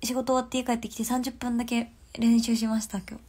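A young woman with a stuffy nose, chatting casually on a phone livestream and often dropping into soft half-whispers. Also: a little high, little pitch movement, fast talker. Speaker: livestream host.

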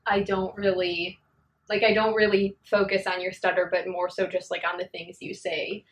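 A woman's voice: medium pitch, little pitch movement, moderate pace, low-quality recording. A young woman talking casually and thoughtfully about her fiancé, rambling with many fillers. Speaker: interviewee, host's fiancée. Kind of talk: casual conversation.

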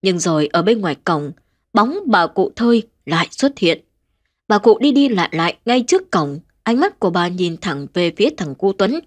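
A woman tells a ghost story in a steady, measured voice. Her pitch sits in the middle of the female range, and her delivery stays even and deliberate from line to line. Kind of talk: scripted ghost story narration.

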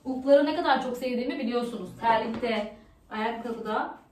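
A woman's voice: on the high side, moderate pace, darkish tone, echoey room. A woman vlogger chatting casually at home, talking on in an upset, ranting way. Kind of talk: casual vlog chat.

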